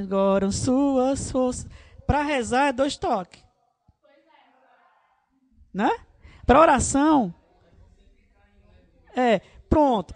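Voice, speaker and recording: A woman leading a worship workshop in an informal, animated teaching style, often adding tag questions. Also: on the high side, dry recording.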